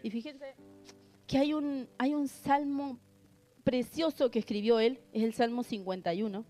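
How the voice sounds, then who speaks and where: A woman's voice: on the high side, steady tone, moderate pace, warm tone, faint music behind. Earnest woman preaching. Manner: earnest, asks the congregation rhetorical questions; reads scripture aloud between remarks. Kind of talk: sermon.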